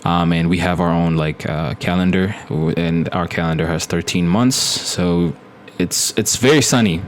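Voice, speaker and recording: A man's voice: low-pitched, moderate pace. A young man from Ethiopia chatting casually on a live stream, rambling with many fillers and restarts.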